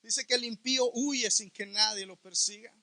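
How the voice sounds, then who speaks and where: Male preacher, piercing bright tone, emphatic delivery. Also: sits high, normal speed, no echo. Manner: emphatic, rising to near shouts on key words. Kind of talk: sermon.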